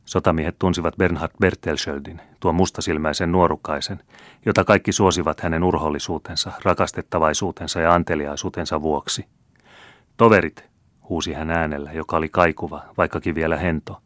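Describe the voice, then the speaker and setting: A man narrates a classic novel as an audiobook, measured and even in his storytelling. His voice sits very low, and the recording is dry and close, with no room sound. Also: no room sound. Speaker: audiobook reader.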